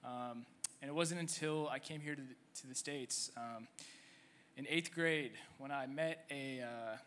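A man in his twenties telling his life story on a church stage, halting with many fillers and restarts. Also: medium pitch, a bit bright, clean tone. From Egypt. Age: 20s. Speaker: church member guest. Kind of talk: conversational testimony on stage.

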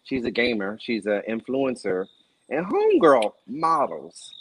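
A man's voice: mid-range voice, huge pitch swings, a little slow, slightly rough. A man in his forties hosting a casual chat, encouraging his guest with frequent affirmations and easy laughs. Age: 40s. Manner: supportive, lots of affirmations, laughs easily. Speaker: host.

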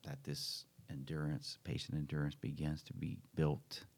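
A man's voice: extremely low pitch, completely flat delivery, normal speed, a little mellow. A man, a church pastor, chatting casually and encouraging listeners on a podcast. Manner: encouraging, conversational. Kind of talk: casual chat.

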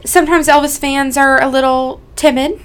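A woman's voice: sits high, fairly even intonation, normal speed. A woman co-hosting a podcast, speaking conversationally in an effusive, appreciative way. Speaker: podcast co-host. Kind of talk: casual, conversational podcast chat.

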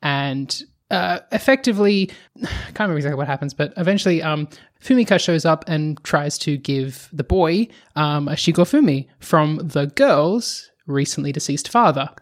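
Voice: mid-range voice, expressive, normal speed. A podcast co-host in casual chat who explains at length, speeding up in bursts and sighing now and then.

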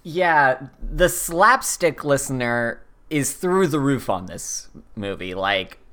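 Female co-host, extremely low register, lively intonation, casual film-review banter. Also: slow pace. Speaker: podcast co-host.

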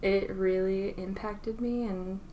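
A woman in her twenties, a podcast guest chatting casually over beers, candid and quick to tease. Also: medium pitch, fairly even intonation, warm tone. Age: 20s.

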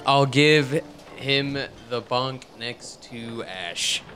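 A man playing a ship's captain in a tabletop game, dry and deadpan. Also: medium pitch, drawn-out words, soft background music. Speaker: player.

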